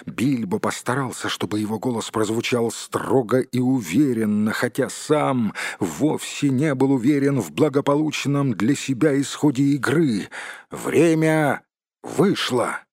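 A man reading a storybook aloud as an expressive, dramatic narrator. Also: medium pitch, moderate pace, few pauses, no room sound, studio quality. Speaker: audiobook narrator.

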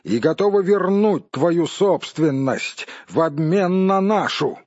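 A man doing a firm steady human leader. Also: fairly high pitch, slow, no room sound, pitched above the performer's own voice. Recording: dull dry recording.

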